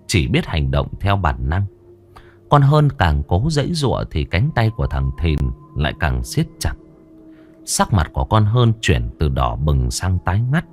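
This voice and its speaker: A man's voice: deep voice, a little mellow. A man, narrating a ghost story dramatically.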